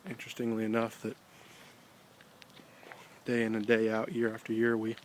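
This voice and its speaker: An American man talking casually with a pipe in his mouth, rambling in a halting, reflective, unhurried way. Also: lowish voice, monotone. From Ohio, United States. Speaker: video blogger. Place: outdoors on an evening stroll. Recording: noticeable background noise, ambience.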